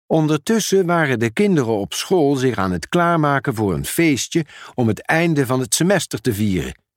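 A man reading a children's storybook aloud in a measured, expressive way. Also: mid-range voice, no room sound, studio quality. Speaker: narrator.

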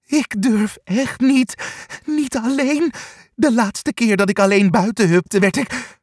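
A trembling, squeaky little hare, voiced by a man in a storybook, pitched far above a normal speaking voice. He frets and hesitates over every word, always sounding on the edge of panic. The delivery is slow and dry, close to the mic. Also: lively intonation, a little mellow, no echo, full character voice. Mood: fearful. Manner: stammering, fearful, high and squeaky. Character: timid frightened young male hare.

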